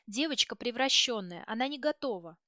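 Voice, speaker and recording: A woman's voice: fairly high pitch, expressive, a little fast, sharp tone, no room sound. Woman voicing a frightened old herbalist woman. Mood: pleading. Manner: pleading, frightened, breathless. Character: terrified old female village herbalist. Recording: dull, dry audiobook recording.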